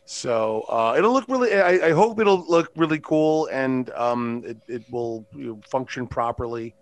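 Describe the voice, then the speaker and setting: A man's voice: medium pitch, expressive, measured pace. A man co-hosting a podcast in casual chat, rambling with lots of fillers and swearing. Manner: rambling, full of fillers and profanity. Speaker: podcast co-host.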